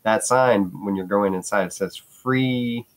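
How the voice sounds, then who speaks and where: A man's voice: fairly low pitch, moderate pace. A man talking casually in a rambling vlog, full of hesitations and restarts, with the odd swear word. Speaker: vlogger.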